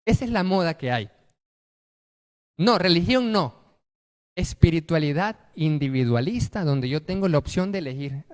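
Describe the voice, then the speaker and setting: A male pastor, preaching a sermon in an animated way that rises to loud bursts. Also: a little high, moderate pace, pauses often. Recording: long hall reverb.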